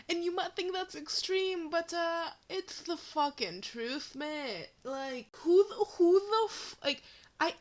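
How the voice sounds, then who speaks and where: A woman's voice: high-pitched, fairly bright tone. A woman ranting in a fan vlog, exasperated and swearing, with many fillers and a cracking voice. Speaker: fan commentator.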